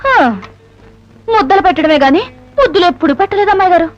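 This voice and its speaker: A naive young village girl who chatters fast in a high, bouncing voice. She sounds excitable and rustic. The film soundtrack is dull, with music playing clearly behind her.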